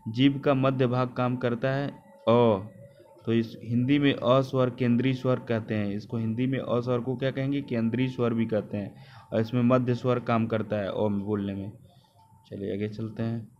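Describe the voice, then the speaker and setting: A man's voice: medium pitch, level tone, moderate pace, a little mellow, lo-fi sound, a little hiss or hum. A man teaching a grammar lecture, repeating key terms, asking rhetorical questions and correcting himself. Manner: self-correcting with "sorry".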